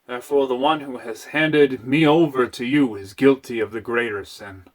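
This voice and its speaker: Male reader as calm accused teacher, steady, plain church reading. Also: medium pitch, moderate pace, close to an everyday voice.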